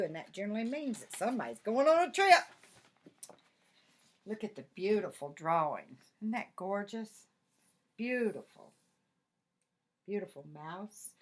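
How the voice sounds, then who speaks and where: An older woman with a grandmotherly manner, reading a picture book aloud to children and adding chatty, admiring asides. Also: mid-range voice. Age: 60s or older. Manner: grandmotherly, expressive, repeats admiring words. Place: office.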